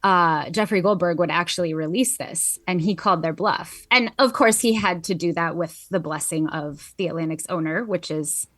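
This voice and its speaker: A woman's voice: lowish voice, normal speed, hardly any pauses, a bit bright, dry recording. Brief: woman podcast co-host, chatty, dry close sound. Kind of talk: casual podcast chat.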